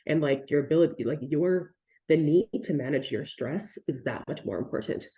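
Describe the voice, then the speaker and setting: A Canadian woman in her twenties, a nurse and nutrition coach, joins a casual podcast interview over a remote call. Her deep, mellow voice comes through on dull audio as she speaks candidly and breezily, gives quick explanations, and swears now and then.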